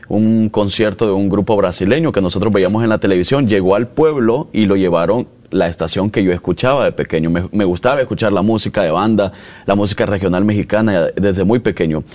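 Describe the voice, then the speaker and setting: Salvadoran man with a deep voice. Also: fairly quick, a little mellow. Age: 30s. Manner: storytelling, rambling with restarts. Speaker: guest, radio announcer. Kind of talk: conversational interview.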